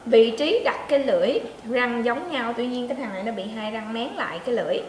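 A woman teaches pronunciation, breaking sounds down slowly and asking her learners if they follow. Her voice rings in an echoey room with a faint hum behind it. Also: on the high side, darkish tone. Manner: demonstrates sounds slowly, asks learners to check in. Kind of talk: pronunciation lesson.

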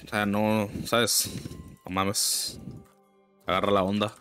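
A man's voice: flat delivery, slow, sharp tone, faint music behind. Young Mexican man commentating a game. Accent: Mexican Spanish. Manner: slangy, exclaims in sudden high bursts, complains about teammates. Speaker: gaming streamer. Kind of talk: casual gameplay commentary.

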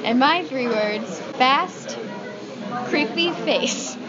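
A woman's voice: sits high, expressive, muffled recording, a loud crowd. Playful young woman co-host. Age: young adult. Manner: playful, slow and thoughtful. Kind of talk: casual food review vlog. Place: indoor restaurant with wooden wall. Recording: loud background music.

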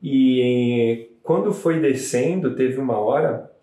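A man, a new father, telling the story of his child's birth in a casual, animated way to camera. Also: mid-range voice, takes it slowly, reverberant. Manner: chatty, animated retelling with frequent "né" tags.

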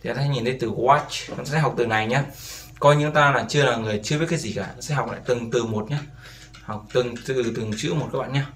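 A man's voice: mid-range voice, fast talker. A man teaching a beginner English lesson, patiently repeating each word and often checking with "right?". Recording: roomy echo with faint background noise.

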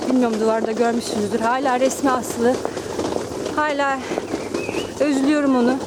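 A woman's voice: high-pitched, fairly even intonation, normal speed. A young woman vlogging casually as she walks home outdoors, chatting in a personal way with lots of fillers, filmed on a handheld camera. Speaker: family vlogger. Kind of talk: casual vlog chat to camera. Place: outdoors on a busy city street, walking home. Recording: loud street traffic noise.

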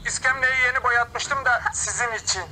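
A man's voice: extremely high pitch, steady tone, normal speed, loud music behind the voice. An actor playing a cheeky, teasing rustic village man in a comic film, mock-polite in his jokes. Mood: sly.

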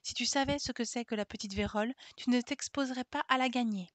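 Woman doing a high excited little girl in a storybook, dry close sound. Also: fast talker, dry recording, natural voice. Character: lively little girl, eager and caring. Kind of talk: audiobook character reading.

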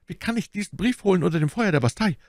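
A man's voice: a little high, animated, a little fast, dry recording, voice pushed up. A wounded coward of a soldier begs and whimpers in a voice pushed far above the reader's own, as a man acts him out in an audiobook. The delivery is dry and close, panicky and pleading. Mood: frightened pleading.

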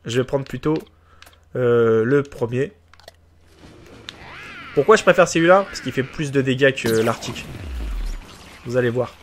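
A man in the middle of his range narrates his own gameplay, excitable and quick to tease the enemy players. He talks straight to his viewers in a loose, chatty way. A faint hiss sits under the voice. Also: medium pitch. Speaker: gaming video creator. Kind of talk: let's play commentary.

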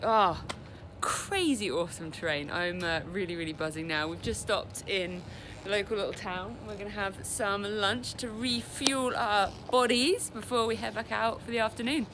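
A woman vlogging her outdoor motorbike riding, excitable and cheering, recorded on a camera mic outdoors. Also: medium pitch, moderate pace. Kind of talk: outdoor action vlog. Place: outdoors on mountain trails. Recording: loud engine noise outdoors. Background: motorbike engines.

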